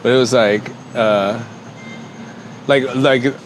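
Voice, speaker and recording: A man's voice: medium pitch, fairly even intonation, slow, slight background noise. A young man in casual chat, joking, laughing often and restarting his sentences.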